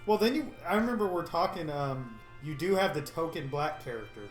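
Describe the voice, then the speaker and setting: Lively agreeable man, roomy sound. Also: on the high side, faint music behind. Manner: agreeable, quick interjections, lively. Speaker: podcast co-host. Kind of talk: casual movie review chat.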